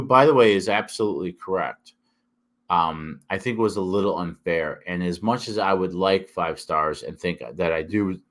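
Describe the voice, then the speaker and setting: A man talking casually as a vlog host, rambling and halting, his speech thick as if his tongue and mouth are swollen. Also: low-pitched, fairly bright tone. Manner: halting, with repeated false starts and long hesitations. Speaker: YouTube host and independent author. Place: kitchen.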